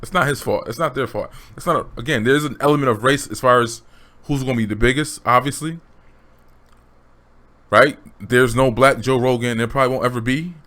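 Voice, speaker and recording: Brief: man, mid-pitched, casual vlog commentary, blunt and slangy, talks straight to viewers. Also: fairly quick, bright, forceful tone. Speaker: commentary vlogger.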